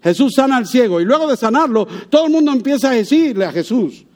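A man's voice: extremely high pitch, very animated, quick pace. A man preaching a sermon in to a congregation, asking them questions and acting out quoted voices. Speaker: pastor.

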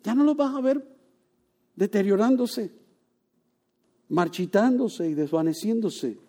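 A male pastor preaching a lively sermon to his congregation, joking and rising to loud exclamations. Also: high-pitched, takes it slowly. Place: church. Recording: long reverb of a church hall.

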